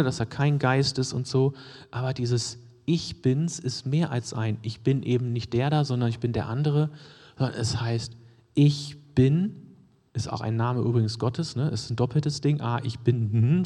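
A man with a mellow, mid-range voice preaches a conversational sermon, frequently checking in with listeners using "ne?" and "ja?" and asking them questions. At times he drops to a near whisper for emphasis, and the recording has a long hall reverb.

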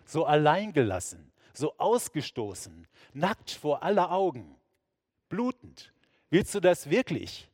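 A man's voice: fairly high pitch, big pitch swings, slow, darkish tone, husky, no echo, clean studio sound, big-room sound, pitched above the performer's own voice, heavily acted. A man voicing an anguished figure pleading desperately in prayer, in a raised, emotional tone.

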